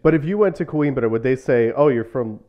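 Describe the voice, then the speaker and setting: A man's voice: medium pitch, animated, fairly quick. A male podcast host with a mid-range voice talks casually with his guest. He tells stories in a loose, chatty way and leans on fillers. The recording sounds slightly dull. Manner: chatty storytelling with frequent "like" fillers. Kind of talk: casual conversational interview. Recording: slightly muffled podcast audio.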